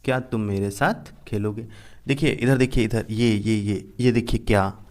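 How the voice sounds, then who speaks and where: Young male teacher, lively classroom explainer, acts out his examples. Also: fairly low pitch, moderate pace. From India. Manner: explains by repeating and asking questions back. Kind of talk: classroom grammar lesson.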